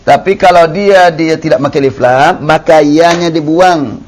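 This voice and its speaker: With an Indonesian accent and a slightly high, somewhat mellow voice, a man teaches Arabic grammar in a classroom at a moderate pace. Patient in his explanations, he repeats key terms and stretches out the words he demonstrates.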